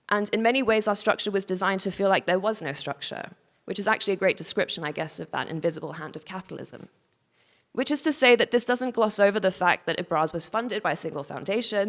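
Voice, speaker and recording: Female lecturer, measured formal delivery, conference hall reverb. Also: mid-range voice. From Hong Kong. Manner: measured, formal reading with occasional restarts and apologies. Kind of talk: reading a prepared conference lecture.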